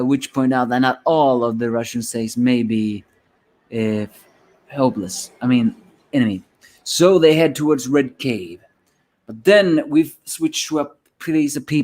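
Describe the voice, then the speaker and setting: A man's voice: medium pitch, a little slow, a little mellow. A man giving a rambling solo review of a manga chapter, sleepy and yawning, often restarting his words.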